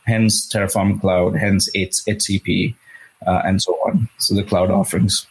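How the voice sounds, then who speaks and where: A man speaking as a company executive, answering interview questions in a measured way with fillers. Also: deep voice, flat delivery, husky, poor audio.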